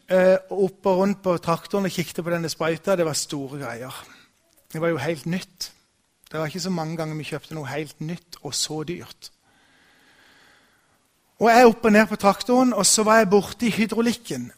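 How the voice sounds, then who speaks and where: A middle-aged male pastor with a slightly higher voice gives a sermon. He talks in a loose, storytelling way, often restarting his sentences.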